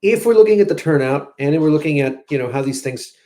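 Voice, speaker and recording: A man's voice: fairly high pitch, animated, fast talker, dark tone. A man giving political analysis as a strategist guest, talking conversationally with frequent restarts. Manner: conversational, restarts, "you know" fillers. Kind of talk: political commentary interview.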